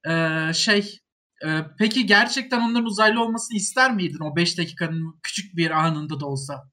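Male host, high sharp voice, quick playful questions. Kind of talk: casual chat.

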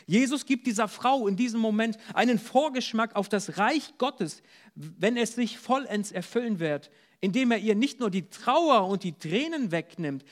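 A man preaching an earnest sermon at a church service, dropping soft and low for words of comfort. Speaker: pastor.

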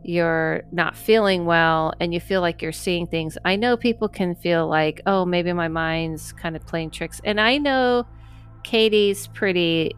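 Casting: lower-voiced woman host, chatty and encouraging, casual podcast talk. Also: a little slow, smooth, faint music behind. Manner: chatty, affirming, laughs often. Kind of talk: casual interview chat.

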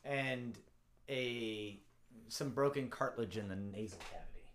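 A man's voice: mid-range voice, unhurried, slight background noise. Profane man telling a war story. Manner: profane, animated storyteller acting out dialogue. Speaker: Navy veteran guest telling a story. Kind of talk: casual storytelling.

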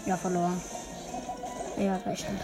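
A woman's voice: fairly low pitch, completely flat delivery, measured pace, music in the background. A young woman chatting casually while gaming, answering in short, shrugging replies. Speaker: gaming partner.

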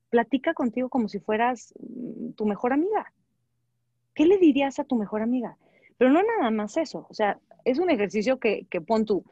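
A woman with a Mexican accent speaks in a fairly high voice, giving friendly advice and playing out small imagined conversations. Her delivery is chatty and full of restarts. The recording is dull and lo-fi, with a dry, close sound. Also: breathy edge, no room sound. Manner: animated, acts out little dialogues, many fillers and restarts. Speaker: guest advisor.

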